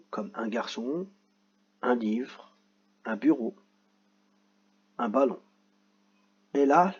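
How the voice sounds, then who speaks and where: A man's voice: on the high side, slightly rough, lo-fi sound. A man teaching children a reading lesson, patiently spelling out sounds and letters.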